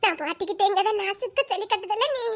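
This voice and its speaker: Woman, extremely high voice, playful teasing, melodramatic comedy skit. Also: fast talker, fairly bright tone. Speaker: skit performer playing two village girlfriends. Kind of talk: village comedy skit dialogue.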